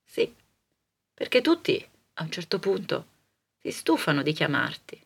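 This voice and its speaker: Soprano lady doing a comic monologue, slow and theatrical, voice swoops all over. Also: gravelly, husky. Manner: theatrical, ironic, lively swings in pitch and loudness.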